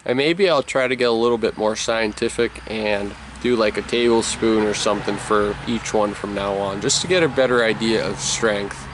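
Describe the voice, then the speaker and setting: A man's voice: fairly low pitch, normal speed, hardly any pauses. Man talking with chewing tobacco in, noisy outdoors. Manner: talking with a wad of chewing tobacco in his mouth. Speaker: product reviewer. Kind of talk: casual rambling review chat. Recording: noisy outdoor recording, people and traffic behind. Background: loud people nearby, vehicle noise.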